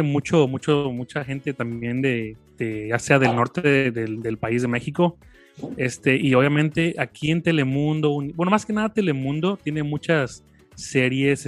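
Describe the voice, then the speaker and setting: A man hosting a casual interview, speaking haltingly with many fillers and restarts. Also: mid-range voice, soft background music. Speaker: interviewer, host.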